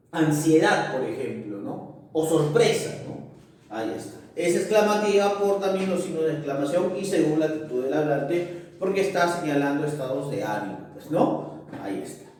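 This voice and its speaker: A man with a high voice teaches a lesson, explaining patiently and checking in with his listeners as he goes. He sits well back from the microphone, and a strong echo from the room hangs on every word. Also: a little mellow. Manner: explanatory, repeats "¿no es cierto?" and "ahí está". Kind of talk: recorded class lesson. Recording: very echoey room, far from mic.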